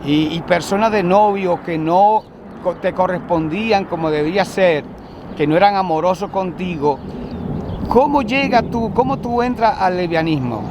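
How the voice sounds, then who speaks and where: A man's voice: high voice, moderate pace. A man hosting a religious interview, opening with blessings and leading his guest with pastoral questions. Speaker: interviewer, church host. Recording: noisy outdoor recording with traffic.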